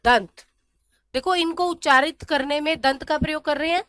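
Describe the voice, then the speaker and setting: A woman teaching a grammar lesson, slowly repeating syllables and asking questions that she answers herself. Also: high voice, a bit bright, dry recording. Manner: drills syllables slowly, asks and answers her own questions. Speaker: Sanskrit teacher.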